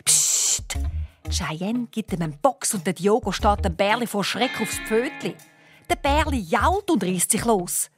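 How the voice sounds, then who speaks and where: A woman with a Swiss German accent narrating a children's story in a lively way, acting out the characters. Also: mid-range voice, a little slow, over music.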